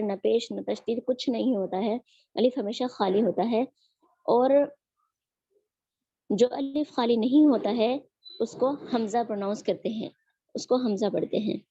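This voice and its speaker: A woman teaching Quran recitation in an online lesson, drilling each sound slowly and patiently. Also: fairly high pitch, warm tone, slightly rough, dry recording, muffled recording.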